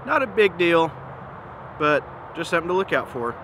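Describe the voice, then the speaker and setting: A man giving a casual, easygoing product comparison as a presenter, speaking in an informal, measured and opinionated way. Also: on the high side, very animated. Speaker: gun reviewer and presenter. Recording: noisy outdoor recording with ambient hum.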